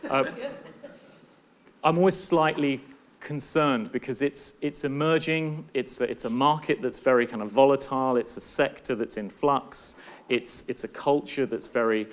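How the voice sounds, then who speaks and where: A man's voice: mid-range voice, steady tone, unhurried. Earnest man giving a conference talk. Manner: earnest, thoughtful, with frequent restarts and repetitions. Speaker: university professor and conference speaker. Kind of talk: conference presentation.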